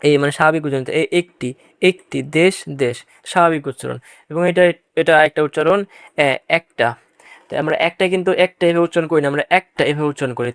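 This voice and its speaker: A man's voice: on the high side, no echo, clean studio sound. A man teaching a pronunciation lesson to students, patiently repeating each example word and stressing the points that often come up in exams. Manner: addresses students directly, stresses what is important. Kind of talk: exam-prep lesson on Bangla pronunciation.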